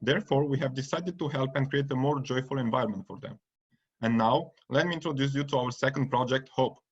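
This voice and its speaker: A man's voice: medium pitch, fairly quick, breathy edge. A man who is a student presenter, reading a prepared script for a presentation. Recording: dull lo-fi recording.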